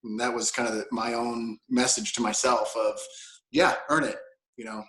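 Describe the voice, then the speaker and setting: A male actor reflects in casual chat, telling his story loosely and plainly. His middle-pitched voice bounces around an echoey room. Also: flat delivery, moderate pace, fairly bright tone. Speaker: guest actor.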